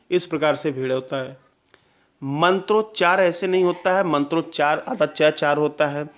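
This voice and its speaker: A man teaching an exam-prep Hindi lesson, drilling correct spellings and checking with quick questions. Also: a little high. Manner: drills answers with repeated questions and "clear?" checks.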